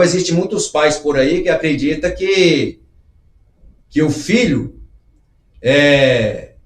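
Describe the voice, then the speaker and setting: A man's voice: a little high, roomy sound. A middle-aged man hosting a live show, reading comments aloud and talking them through in an earnest, conversational way. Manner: earnest, conversational, acts out little dialogues.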